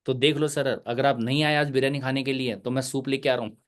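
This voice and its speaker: A man's voice: medium pitch, flat delivery, fairly quick. A male teacher giving a live online lecture, chatty and joking, mixing English terms into his talk.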